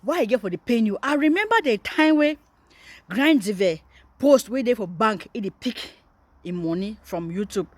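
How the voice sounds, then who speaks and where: A woman's voice: fairly high pitch, lively intonation, moderate pace, no echo. A Nigerian woman vlogger giving teasing, mocking commentary. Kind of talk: casual commentary in Pidgin.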